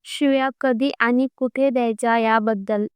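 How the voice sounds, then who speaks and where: A woman's voice: a little high, fairly even intonation, moderate pace, clear, resonant tone, dry recording, close to an everyday voice. A woman voicing a stern, irritable young man who scolds bluntly in a storybook reading.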